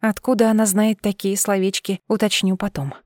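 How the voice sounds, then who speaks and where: A woman reading a first-person audiobook in a steady, expressive voice. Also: medium pitch, normal speed, dry recording, studio quality. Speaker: audiobook narrator.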